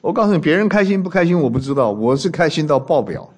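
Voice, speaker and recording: Male preacher, slightly higher voice, playful storyteller who quizzes the congregation. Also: big pitch swings, fast talker, slightly rough. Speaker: pastor. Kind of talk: sermon.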